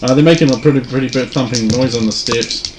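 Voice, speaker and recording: A man with a mid-range voice acts as dungeon master, narrating and ruling in a casual way. The recording has room echo and clear background noise. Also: medium pitch, fast talker. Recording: very noisy, echoey room tabletop recording.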